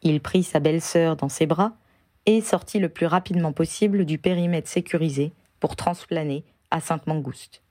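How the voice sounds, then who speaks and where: A woman reading a fan novel aloud in a measured, even narration. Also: sits low, dry recording, clean studio sound. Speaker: audiobook reader. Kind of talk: storybook narration.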